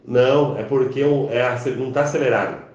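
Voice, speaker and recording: A man teaching a spiritual class, reciting prayers and drawn-out chants to a camera. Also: mid-range voice, fairly even intonation, darkish tone, highs cut off. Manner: slow, intoning, drawn-out chanting delivery. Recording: very echoey room.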